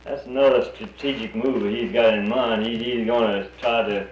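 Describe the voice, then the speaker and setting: On an old 1941 archival recording, a man from North Carolina talks casually about the war, speaking bluntly and frequently restarting sentences. His mid-range voice is steady and moderately paced, and the audio is muffled, roomy, and carries a faint hiss.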